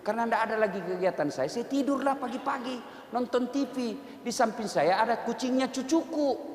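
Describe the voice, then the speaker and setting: A man's voice: extremely high pitch, lively intonation, a little fast, slight background noise. A man doing a touchy retired old man. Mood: aggrieved. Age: older. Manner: quiet, aggrieved complaining. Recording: echoey hall.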